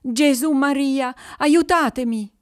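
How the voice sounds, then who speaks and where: A woman doing a panicked, desperate shepherd. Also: darkish tone. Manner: high, rushed and pleading. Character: frightened, desperate male shepherd.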